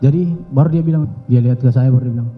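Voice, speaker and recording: Halting young man testifying in an echoey courtroom. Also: medium pitch. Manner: halting, repeatedly addresses the judge respectfully. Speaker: court witness. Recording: dull lo-fi echoey courtroom with faint music.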